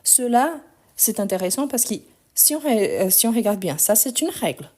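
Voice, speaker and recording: A woman's voice: on the high side, sing-song, moderate pace, a little mellow. A woman teaching a live online grammar lesson, patiently explaining step by step and spelling out endings letter by letter, her voice a bit weak, recorded on a phone. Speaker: French teacher.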